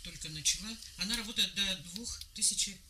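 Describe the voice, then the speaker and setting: A woman's voice: medium pitch, a little fast. Lady radio host, chatty, asks with everyday what-if examples, lots of noise behind. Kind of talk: radio interview.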